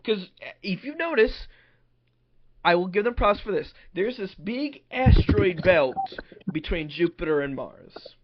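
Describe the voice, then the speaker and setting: A man on a podcast who keeps affirming his partner and then adds his own points, with a voice on the higher side. The recording sounds dull and lo-fi. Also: expressive, measured pace. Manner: agreeable, frequent "right, right" affirmations. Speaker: podcast co-host. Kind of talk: casual chat. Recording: dull lo-fi audio.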